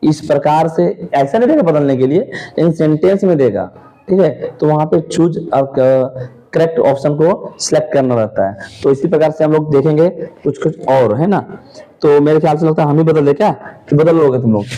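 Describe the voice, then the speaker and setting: Male teacher with a dark voice. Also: fairly high pitch, poor audio. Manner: explains slowly, repeats words and asks rhetorical questions. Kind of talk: classroom lesson.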